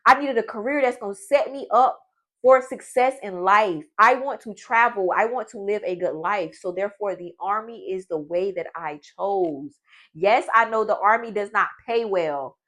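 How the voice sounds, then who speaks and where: A woman's voice: mid-range voice, normal speed, a bit bright. A woman, giving a blunt, profane motivational pep talk in a vlog. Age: 20s. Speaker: vlogger.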